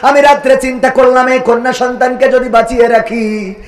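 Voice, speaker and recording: A man preaching a sermon and telling its story dramatically. He swings from loud, rising cries to low, hushed narration. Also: little pitch movement, moderate pace. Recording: echoey sermon recording.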